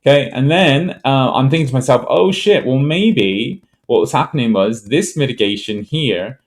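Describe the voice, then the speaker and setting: A man's voice: medium pitch, normal speed. Rambling man walking through a trade. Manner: rambling, thinks aloud with fillers and restarts. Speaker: trading educator. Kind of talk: casual screen-share trade walkthrough.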